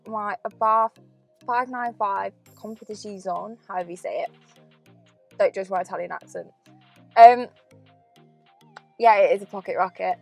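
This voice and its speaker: A woman's voice: medium pitch, low-quality recording. A woman, chatting enthusiastically through a car review while driving.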